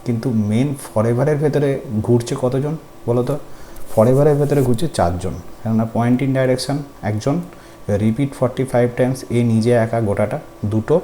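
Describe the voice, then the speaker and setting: A man with a warm, mid-range voice teaches a coding class at a moderate pace and with fairly even intonation. He walks students through things patiently, step by step, and puts questions to them in this screen-recorded tutorial, which has faint background noise.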